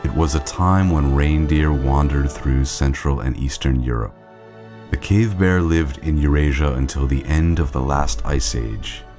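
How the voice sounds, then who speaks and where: A man's voice: very deep voice, measured pace, music in the background. A man narrating a nature documentary from a script.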